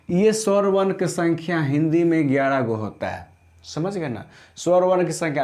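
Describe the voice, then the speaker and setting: A man teaching a grammar class, explaining slowly and often checking whether students understood. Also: a little high, darkish tone. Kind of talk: classroom lesson.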